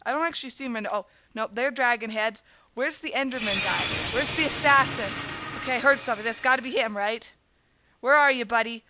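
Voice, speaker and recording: A woman's voice: a little high, brisk, heavy background noise. A woman giving let's-play commentary, trash-talking enemies with theatrical, playful mock threats. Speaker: gaming video creator.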